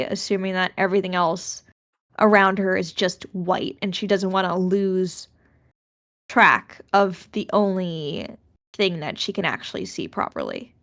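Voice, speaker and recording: A woman's voice: medium pitch, fairly bright tone. A woman playing a tabletop game, talking casually and filling her questions with "like". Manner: chatty, lots of "like". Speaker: player. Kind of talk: casual tabletop role-play.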